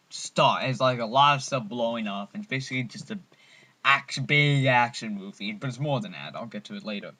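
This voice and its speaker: A man's voice: medium pitch, pushed and bright. A man giving a casual, rambling film review as an enthusiastic fan, full of ums and restarts. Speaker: movie reviewer.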